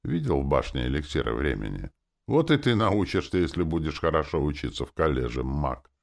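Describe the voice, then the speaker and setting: A self-assured young sorceress, put on by a man in a raised voice for a storybook reading. She talks briskly and confidently, with a lively, bouncing lilt. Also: a bass voice, creaky, heavily acted. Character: confident young woman, time mage.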